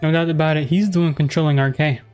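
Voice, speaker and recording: Higher-voiced man casually commenting on gameplay. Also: steady tone, fast talker, darkish tone, clean tone. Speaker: gamer commenting on play. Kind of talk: casual let's play commentary. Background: video game music.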